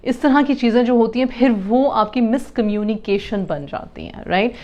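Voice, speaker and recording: A woman's voice: a little high, darkish tone, highs cut off. A woman explaining communication to parents, mixing in English terms and acting out example lines.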